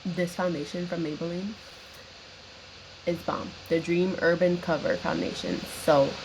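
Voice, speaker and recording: Blunt slangy woman, lowish voice. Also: lively intonation, a little slow, creaky, darkish tone, slight background noise, rough recording. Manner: blunt, slangy, swears freely. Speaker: co-host. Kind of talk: casual chat.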